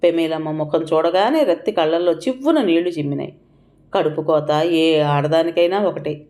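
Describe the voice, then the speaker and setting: A woman's voice: low-pitched, normal speed, dark tone. A woman narrating a story as an audiobook, reading with feeling and taking on the characters' cries and pleas.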